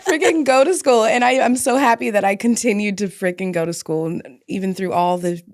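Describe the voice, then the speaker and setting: A woman with a mid-range voice talks fairly quickly as a guest on a podcast. The conversation is candid and personal, and her manner is informal and reflective.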